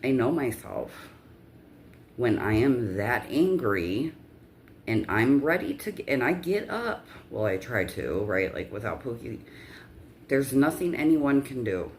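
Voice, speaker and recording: A woman's voice: extremely low pitch, big pitch swings, measured pace, slight background noise. A woman telling a personal story in a casual vlog rant, with blunt, profanity-heavy delivery.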